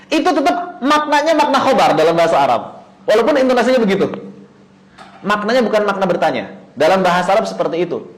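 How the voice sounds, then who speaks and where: A man with a fairly high voice teaches recitation rules to an online class. He keeps asking questions and then answering them himself. He draws out example words in a slow chant. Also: rough recording. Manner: chants Quranic words slowly and drawn out. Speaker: tajwid teacher. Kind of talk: online lesson.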